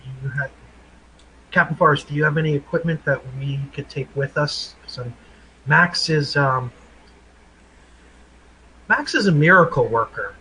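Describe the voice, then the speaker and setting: A man's voice: a little high, fairly even intonation, moderate pace, pushed and bright, a little hiss or hum, low-quality recording. A man playing a tabletop role-playing game, talking casually and joking with the group. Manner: casual, jokey. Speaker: player.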